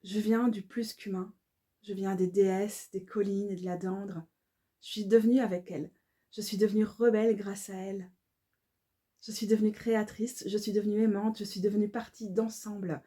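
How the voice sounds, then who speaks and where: A woman reads her own devotional verse in a calm, measured, incantatory way. Her voice is mellow and warm, and her pitch sits in the middle. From Belgium. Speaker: author reading her own book. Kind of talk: devotional poetry reading.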